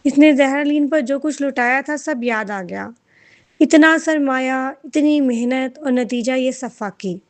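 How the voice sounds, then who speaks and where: A woman narrates a novel in a high-pitched voice. She reads steadily, with a dramatic storytelling lilt.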